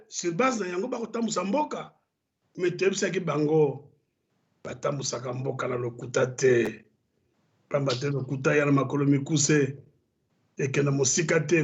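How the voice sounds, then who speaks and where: High-voiced Congolese man, heated commentary. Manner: impassioned, stammers on restarts. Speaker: political commentator. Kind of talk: studio debate commentary. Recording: dull lo-fi broadcast audio.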